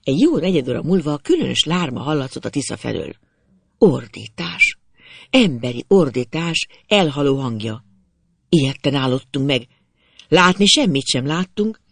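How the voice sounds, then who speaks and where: A male narrator reads a literary story aloud in a measured, expressive way, his fairly high voice carrying a gravelly texture. The recording is dry and close, with almost no room sound. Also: no room sound.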